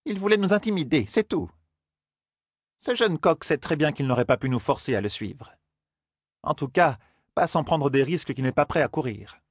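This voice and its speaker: A man voicing a stern older sorceress who lectures her young charges, in a husky voice for an audiobook. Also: a little high, expressive, moderate pace, pauses often, dry recording, studio quality, voice pushed up. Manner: scolding, lecturing. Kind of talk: audiobook character voice.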